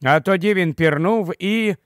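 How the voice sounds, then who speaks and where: A man reading the part of a sensible, quick-thinking boy in a storybook, speaking earnestly. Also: high voice, no room sound, clean studio sound.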